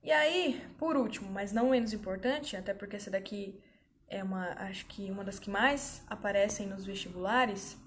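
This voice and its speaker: A woman's voice: medium pitch, moderate pace, a little hiss or hum. A woman teaching an online grammar lesson, explaining patiently and often checking that students follow.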